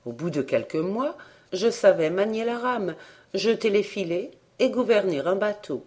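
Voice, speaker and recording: A volunteer audiobook reader narrating a memoir-style story in a measured, steady way. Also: medium pitch.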